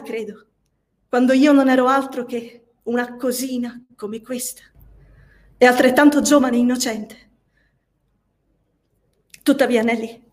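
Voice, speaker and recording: Woman doing a high, anguished young woman. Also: a little mellow, close to an everyday voice. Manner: stammering, emotional. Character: passionate troubled young woman telling a dream. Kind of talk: audiobook reading.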